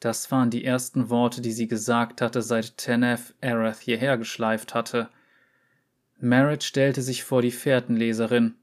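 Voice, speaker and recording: A man narrating a short story as an audiobook, steady and even. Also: medium pitch, a little slow. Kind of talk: audiobook reading.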